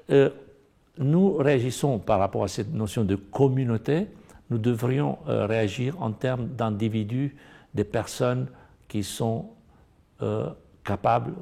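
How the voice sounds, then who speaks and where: Gravelly, dark-voiced man with a Romanian accent. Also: medium pitch. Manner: earnest, rising to emphatic stress. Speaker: panelist in a Bible study discussion. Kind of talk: discussion of a Bible lesson.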